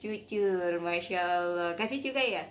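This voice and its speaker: A woman hosting a children's radio program, telling stories in an animated, cheerful way and speaking straight to the children at home. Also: fairly low pitch, a little slow, slight background noise. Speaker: children's radio storyteller and host.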